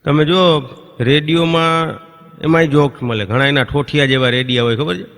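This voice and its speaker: A man's voice: fairly high pitch, fairly even intonation, a bit bright. A man doing a stand-up folk comedy routine on stage, telling stories and voicing neighbours and children. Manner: storytelling with quick voiced impressions of neighbours and children. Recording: long reverb of a stage hall.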